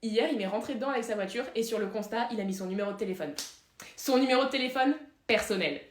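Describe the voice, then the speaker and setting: Deadpan french-speaking woman doing sketches. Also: a little high, fast, echoey room, a little hiss or hum. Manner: deadpan, self-assured, playing several characters. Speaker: comedy sketch creator. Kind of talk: comedic sketch monologue.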